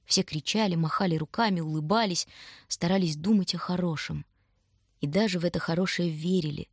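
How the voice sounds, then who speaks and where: A woman narrating an audiobook in an even, measured storytelling voice. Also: on the low side, dry recording, studio quality. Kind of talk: scripted narration.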